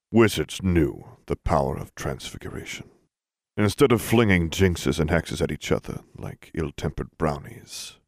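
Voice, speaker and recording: An ancient, commanding wizard speaks in a slow, rhythmic chant, as a male narrator puts him on. His deep, resonant tone sits very low. The audiobook recording is dry and close. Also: dry recording, full character voice. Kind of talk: audiobook character voice.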